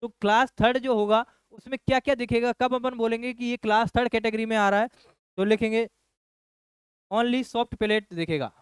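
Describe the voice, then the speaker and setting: A man's voice: very high-pitched, flat delivery, a little fast, clean tone, no echo. A man teaching a nursing lecture who repeats key phrases and keeps asking his class rhetorical questions. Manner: addresses students as children. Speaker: nursing coach.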